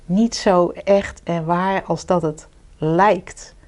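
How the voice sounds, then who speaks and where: A woman's voice: lowish voice, fairly even intonation, very slow, a little mellow. A woman talking in a casual, reflective way as a podcast co-host, with hesitant restarts and easy laughter.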